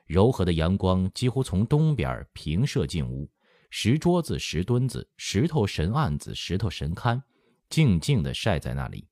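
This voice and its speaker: Expressive storytelling comes from a man with a deep voice narrating a historical novel audiobook at moderate speed. He acts out the dialogue in quotes, and the sound is dry and close, studio-recorded with no echo.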